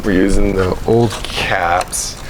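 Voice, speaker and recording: A man's voice: sits low, fairly even intonation, slow pace, noisy background. A man co-hosting a car show, trading dry, sarcastic quips about cheap parts while working on his car in a garage. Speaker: car show co-host, car owner. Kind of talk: casual garage banter.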